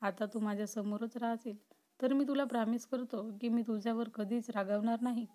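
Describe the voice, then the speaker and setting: This woman's slightly high, warm voice keeps a fairly even intonation at a moderate pace, lightly acted. Reading from a storybook, she takes on a possessive, obsessive young man whose intense speech shifts from begging to menace.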